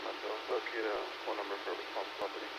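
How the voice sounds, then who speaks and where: A man's voice: on the low side, level tone, fast talker. A male police officer calling in over a walkie-talkie, giving clipped call signs with brief hesitations. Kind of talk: terse radio call-ins. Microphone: handheld police radio. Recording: muffled two-way radio with heavy static.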